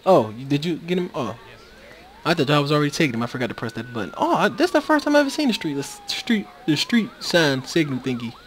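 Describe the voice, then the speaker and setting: A man's voice: a little high, sing-song, quick pace, a little hiss or hum. A man giving casual, rambling gameplay commentary into a USB microphone, with many fillers and restarts. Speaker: video game commentator. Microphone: USB microphone that cuts out.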